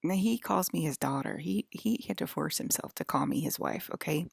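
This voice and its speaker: A woman in her forties, a vlogger, rambles straight to camera in a defiant, scolding monologue, checking in with viewers after almost every point with "okay?" and "right?". Her low, husky voice has vocal fry and lively intonation at a moderate pace. The recording is dry and studio-clean.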